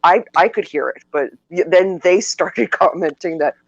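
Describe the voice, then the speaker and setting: A man's voice: high-pitched, moderate pace, vocal fry, dry recording, dull audio. A man hosting a casual podcast chat from his apartment, rambling and repeating words as he tells a story. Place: apartment at home.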